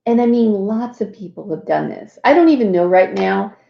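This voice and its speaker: A woman's voice: medium pitch, expressive, normal speed, vocal fry, roomy sound, muffled recording. A woman hosting a casual livestream walkthrough, chatting with many fillers and asides. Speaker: host.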